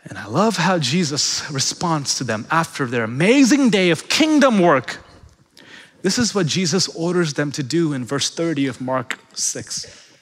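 A man preaching a sermon as pastor, swinging between loud, emphatic peaks and hushed, quiet passages. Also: on the high side, sing-song, measured pace. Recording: long reverb of a large hall.

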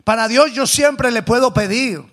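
A man delivers a sermon in a very high-pitched voice at a moderate pace. He swings from loud exhortation to hushed asides and acts out the voices of biblical characters.

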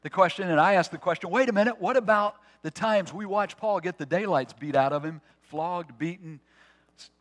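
High-voiced man preaching earnestly. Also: moderate pace. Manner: earnest preaching, drops to a hush on key phrases, small laughs. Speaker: pastor. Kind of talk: sermon.

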